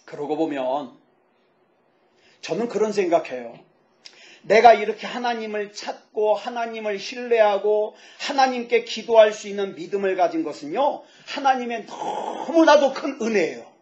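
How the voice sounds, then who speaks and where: High voiced pastor in his 50s preaching, jokey, keeps asking the crowd stuff, muffled sound. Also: moderate pace. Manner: lively, asks the audience questions, jokes about himself. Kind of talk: sermon. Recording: dull lo-fi sound.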